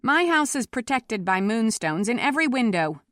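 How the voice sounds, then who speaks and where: In an audiobook, a woman voices an earnest, protective townsman pleading against an angry mob, sounding urgent and firm. She pitches a little higher than her own voice, sing-song and fairly bright, at a moderate pace, in clean, echo-free studio sound.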